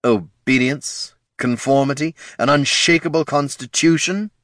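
A man's voice: medium pitch, a little slow, fairly bright tone, no room sound, clean studio sound, pitched above the performer's own voice, close to an everyday voice. An audiobook narrator voicing a scheming male lich overlord, silky and condescending, whose voice climbs into grand declarations.

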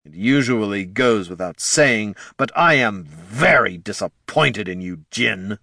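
A man's voice: lowish voice, expressive, gravelly, bright, forceful tone, no echo, clean studio sound, heavily acted. Man doing a weary, scornful undead sorcerer. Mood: exasperated. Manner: slow, weary, contemptuous. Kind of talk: audiobook character voice.

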